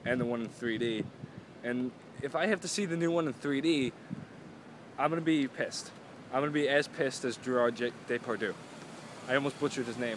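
A young man records a casual, rambling vlog outdoors in a parking lot, standing beside parked cars. His voice is medium-pitched with slight background noise. Chatty and self-mocking, he often trails off and starts over.

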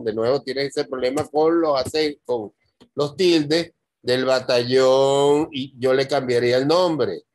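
A man's voice: mid-range voice, no room sound. A man reviewing a student's screenplay, thinking aloud as he reads and stopping to fix details. His voice sits in an ordinary middle register. The recording is dry and close, with no room sound. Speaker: screenwriting teacher. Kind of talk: script review.

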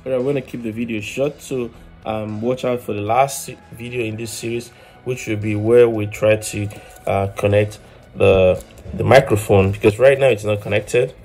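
Soft music plays behind this electronics DIY host, a man in his thirties whose lowish, slightly mellow voice holds a steady tone at a moderate pace. He explains an informal hands-on tutorial step by step, frequently repeating words.

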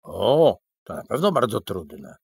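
A man voicing an excitable, anxious, fussy little gentleman who cries out in pleading, agitated bursts. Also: fairly low pitch, takes it slowly, vocal fry, husky, dry recording, full character voice.

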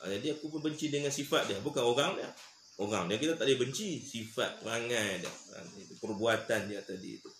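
A man's voice: medium pitch, a little fast, fairly bright tone. A man giving an Islamic lecture as a religious teacher, conversational and acting out little dialogues. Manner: conversational preaching with acted dialogue and laughs. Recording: echoey room with faint background noise.

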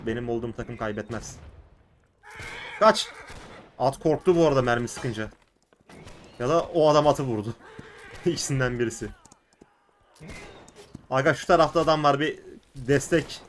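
A young man with a Turkish accent giving casual commentary as he plays an online game, shouting in fights and muttering between them. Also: mid-range voice, normal speed, pauses often, a little hiss or hum. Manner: excitable, shouts and laughs during fights, mutters to himself between. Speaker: gaming YouTuber.

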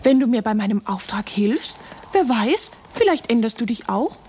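A woman's voice: fairly high pitch, big pitch swings, normal speed, slight background noise. Miriam, an eager curious girl. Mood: coaxing. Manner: bright, eager and coaxing. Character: brave, curious young girl on a quest. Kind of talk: puppet play voice acting.

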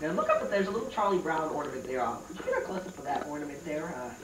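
A man's voice: on the high side, lively intonation, racing. A man narrating a family Christmas home video in a playful, joking way, heard on an old VHS tape. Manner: playful, joking asides to camera operator. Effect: old VHS home video tape sound. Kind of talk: casual home video commentary. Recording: echoey room, music behind.

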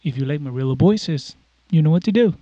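A man's voice: fairly high pitch, expressive, a little fast, mellow, dry recording, lo-fi sound. A man, a voice actor, playfully acting as his own interviewer in a comic voice demo reel.

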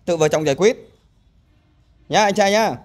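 A man acting as mediator, speaking loudly in a firm, commanding way. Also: sits high, normal speed.

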